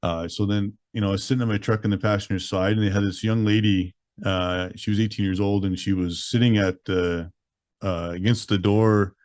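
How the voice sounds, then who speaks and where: A relaxed man in his thirties from Canada tells his story with a low voice and an easygoing, chuckling delivery. The sound is dry and close. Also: fairly quick, dry recording. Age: 30s. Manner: laid-back, chuckles through grim details. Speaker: guest. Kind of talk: casual storytelling.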